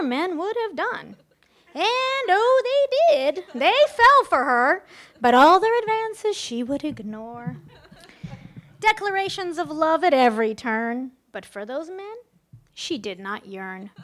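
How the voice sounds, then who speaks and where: The bride's friend delivers her wedding speech live to the guests in a high, somewhat bright voice. She turns part of it into a playful, theatrical reading from a rhyming storybook.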